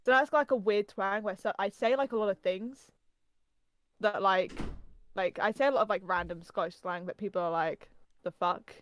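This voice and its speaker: A young woman from England with a softened Norfolk accent, co-hosting a casual podcast chat and rambling with lots of fillers. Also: medium pitch, normal speed, a little hiss or hum. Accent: English, softened Norfolk. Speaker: podcast co-host.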